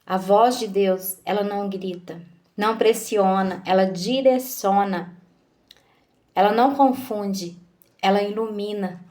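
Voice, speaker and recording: Slow, measured woman preaching. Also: mid-range voice, darkish tone. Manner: slow, measured, with rhetorical questions. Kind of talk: slow devotional teaching.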